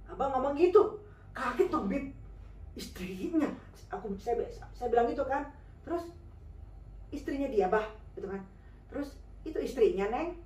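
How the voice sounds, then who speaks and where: A woman's voice: fairly high pitch, roomy sound, far from the mic, poor audio. A woman telling a personal story in a chatty, informal way, full of fillers and acted-out dialogue. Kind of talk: casual spoken storytelling.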